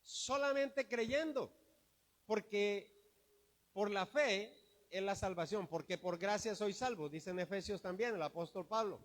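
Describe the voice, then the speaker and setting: A man's voice: high voice, a little slow, big-room sound. A man preaching a sermon with emphasis, asking the congregation rhetorical questions.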